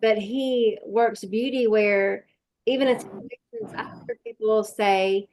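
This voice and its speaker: Host, woman: gravelly edge, thoughtful, searches for her words, faith talk. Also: fairly high pitch, animated, takes it slowly, darkish tone. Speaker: podcast host. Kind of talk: faith-based conversation.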